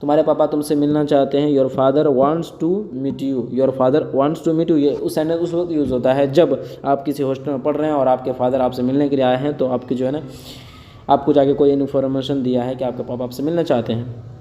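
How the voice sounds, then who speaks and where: A man teaching spoken English, saying each phrase slowly twice and then explaining it quickly in Hindi. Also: medium pitch, little pitch movement, mellow, long reverb tail, muffled recording.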